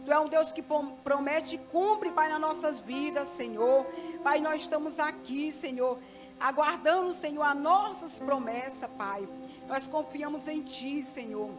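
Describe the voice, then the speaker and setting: A middle-aged Brazilian woman with a high voice leads a fervent church prayer. She repeats "Lord" and "Father" between nearly every phrase, and her talk rambles as she keeps turning to the pastor. Soft music plays faintly behind her. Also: a little slow. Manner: fervent, repetitive prayer full of "Senhor" and "Pai". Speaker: church member giving testimony and offering prayer. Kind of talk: testimony and spontaneous prayer. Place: church service.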